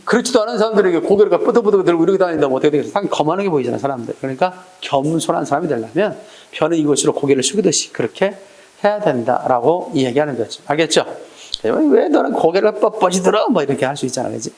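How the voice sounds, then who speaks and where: Male exam-prep lecturer, high voice that swings around a lot, conversational and questioning. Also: animated, rapid-fire, darkish tone, echoey room. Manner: questioning, acts out little scenes with quoted voices. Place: lecture room.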